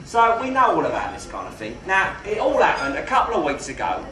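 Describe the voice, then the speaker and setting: A man playing a mock-genteel, faintly menacing gangster compère, delivering comic stage patter with grand words and drawn-out emphasis. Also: a little high, wildly swooping pitch, a crowd in the background. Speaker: burlesque show compère in comedy double act. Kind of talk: live comedy patter addressed to audience. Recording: roomy live venue, distant mic, faint noise.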